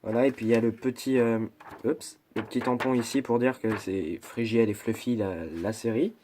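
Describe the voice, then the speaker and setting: A man talks his way through an unboxing in a relaxed, rambling way. He keeps stopping, restarting and adding little asides. His voice has a soft, mellow tone. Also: medium pitch, moderate pace, slight background noise. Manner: chatty, hesitant, full of restarts and asides. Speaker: YouTuber. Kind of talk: casual unboxing chat.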